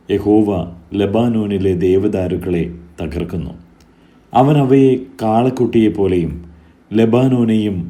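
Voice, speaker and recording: A man reads scripture in a solemn, measured way, pausing after short phrases. His voice sits a little low and sounds very dark and mellow. He lifts his pitch on each call of address. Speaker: scripture reader.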